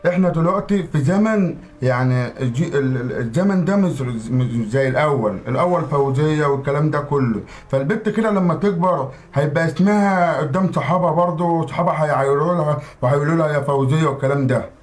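A man's voice: a little high, quick pace, natural voice. A man playing an Egyptian husband caught between his mother and his wife in a comedic family skit, with an Egyptian accent and a puzzled, hesitant way of reasoning. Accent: Egyptian Arabic. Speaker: creator addressing the audience.

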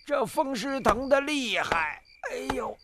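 A man's voice: extremely high pitch, lively intonation, measured pace, background noise, heavily acted. An actor playing a teasing old beggar man with an aching back, groaning and wheedling in a dubbed martial arts film. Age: older. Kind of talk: dubbed wuxia film acting.

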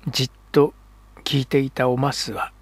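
A man reads historical fiction aloud as an audiobook narrator, in a calm and measured way. His voice is husky and sits at a low pitch. The recording is dry and close to the mic. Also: dry recording.

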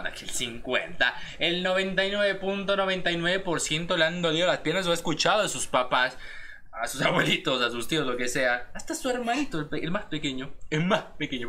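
Animated Guatemalan man, rambling. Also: fairly high pitch, slight background noise. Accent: Guatemalan Spanish. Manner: rambling, self-interrupting, mimics phrases in exaggerated voices. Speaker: reaction video host. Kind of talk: casual reaction commentary.

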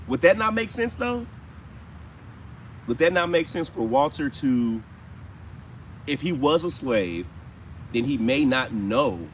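A man hosting a live ghost-hunting stream, chatting casually and slowly calling out questions to spirits. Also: mid-range voice. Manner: slow questions with repeated calls to spirits. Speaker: paranormal livestream host. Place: outdoors in a cemetery. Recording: outdoor noise, passing traffic.

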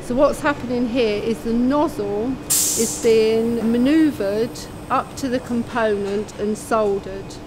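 A woman in her fifties, a production team leader, explaining a machine on a factory floor in a friendly, brisk way. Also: a little high. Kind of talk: on-camera explanation. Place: electronics factory floor, indoors. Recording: factory noise behind.

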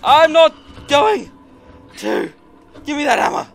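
A man plays a horror game as a scared streamer, his high voice swooping wildly. He swears and exclaims at the game, jumpy and sarcastic. Game music plays behind his bright, forceful voice. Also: sing-song, slow pace, gravelly. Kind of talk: casual, profane let's-play commentary.

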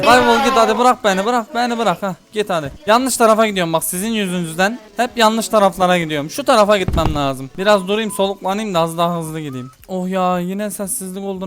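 A man's voice: high voice, a bit bright. A man giving gameplay commentary to his viewers, frustrated, talking to himself and swearing often as he plays. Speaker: mobile game YouTuber.

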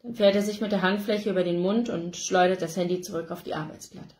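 A woman reading a first-person novel aloud in an emotive, expressive narration, recorded indoors. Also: fairly low pitch, quick pace. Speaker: audiobook reader. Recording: roomy echo.

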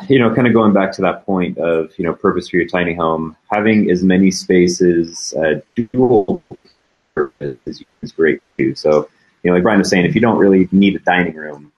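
A man who builds tiny houses, answering questions in a relaxed live Q&A, with lots of fillers. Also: low-pitched, dull audio. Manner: casual, filler-heavy. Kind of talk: live Q&A chat.

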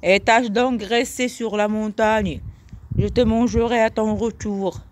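A woman voicing a hungry, gruff one-eyed monster under a bridge in a storybook, roaring loudly. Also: fairly high pitch, fairly even intonation, a little slow, a little hiss or hum, lightly acted.

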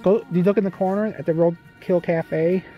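A man's voice: sits high, steady tone, moderate pace, dull audio, soft background music. A middle-aged man casually narrating a walk through an outdoor haunted farm at night, reading the signs aloud with dry jokes, into a handheld phone. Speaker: vlog host.

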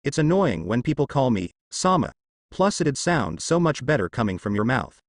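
A man's voice: mid-range voice, very animated, moderate pace, dry recording, clean studio sound. A man voicing Yami, flirty goddess of darkness. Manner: teasing, playful.

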